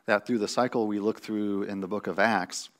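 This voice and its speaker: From a pulpit in a church sanctuary, a pastor in his thirties preaches a sermon with a fairly low, steady voice at a moderate pace. His teaching is conversational, with restarts and fillers.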